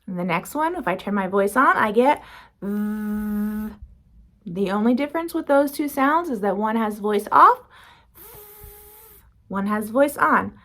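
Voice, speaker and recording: A woman teaching beginner phonics, slowly demonstrating each speech sound and how the mouth makes it. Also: fairly high pitch, expressive, a bit bright. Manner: slow, careful demonstrating of sounds. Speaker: reading and spelling teacher. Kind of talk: phonics lesson.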